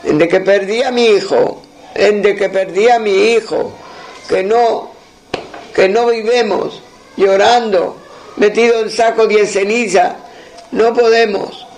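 A man's voice: high-pitched, fairly even intonation, slow, darkish tone, slight background noise, low-quality recording. A man telling a folk tale and voicing an old father who laments his lost son, repeating himself. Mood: grieving. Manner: lamenting, repetitive.

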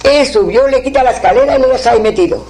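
A woman's voice: high voice, quick pace, a little mellow, low-quality recording. A woman telling an old folktale aloud, repeating phrases in a rhythmic, spoken way. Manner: repetitive, rhythmic retelling with quoted dialogue. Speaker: storyteller.

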